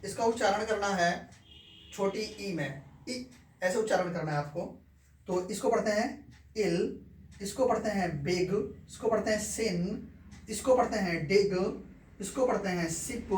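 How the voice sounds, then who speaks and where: A man teaching English pronunciation, repeating each word and asking questions. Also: sits high. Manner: repeats words and asks the class questions. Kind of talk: classroom lesson. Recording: echoey room, far from mic.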